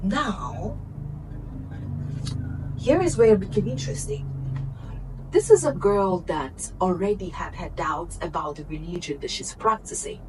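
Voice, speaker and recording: Young woman, casual storytime vlog, animated and laughing, mic a bit far off, faint background noise. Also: on the low side, a little slow, long pauses. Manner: animated, laughing, swings between whispers and exclamations. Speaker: vlogger.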